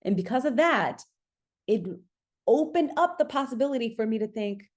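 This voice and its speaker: Her voice runs on the high side, expressive and a little mellow at a moderate pace, as this podcast host and singing artist coaches listeners. She stays casual and motivational yet emphatic, repeating key phrases, checking in with the listener and acting out her thoughts as quoted lines.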